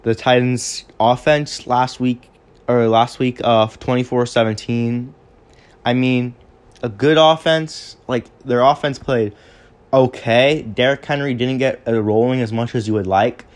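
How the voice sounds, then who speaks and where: A man's voice: mid-range voice, fairly even intonation, a little slow. A young man hosting a casual sports podcast, recapping games off the cuff, with frequent restarts and stumbles. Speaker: podcast host.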